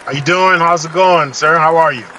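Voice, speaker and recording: A man's voice: a little high, normal speed, bright, forceful tone, some chatter behind, a little hiss or hum, low-quality recording. A man joining a livestream as a guest over remote call-in audio, courteous and upbeat. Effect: remote call-in audio over a livestream link. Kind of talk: casual chat.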